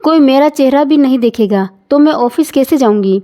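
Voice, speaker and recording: A woman voicing a calm young working wife who argues her point patiently, in a storybook reading. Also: high-pitched, normal speed, close to an everyday voice. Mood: worried. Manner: calm, reasoning.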